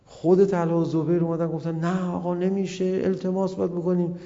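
A man preaching a religious sermon as a story, acting out quoted voices and swinging between loud and hushed. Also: high voice, little pitch movement. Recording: dull lo-fi recording with long hall reverb.

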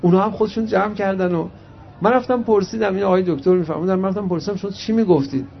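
Man, religious sermon, high voice, gravelly texture, muffled lo-fi sound, slow Arabic recitation, direct address. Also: a little hiss or hum. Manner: recites Arabic hadith slowly, then translates conversationally; animated storyteller addressing the audience directly. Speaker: cleric preacher. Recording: muffled lo-fi recording.

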